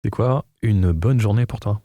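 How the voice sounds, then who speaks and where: A man's voice: lowish voice, moderate pace, dark tone, no echo, clean studio sound. A man hosting a casual interview, putting short, informal questions and prompts.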